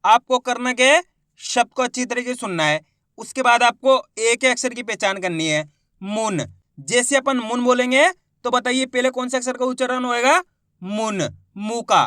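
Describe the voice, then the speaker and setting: A man teaching Hindi reading, sounding out words syllable by syllable and quizzing his students in a slow, repetitive classroom manner. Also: extremely high pitch, a bit bright, clear, resonant tone, dry recording, clean studio sound.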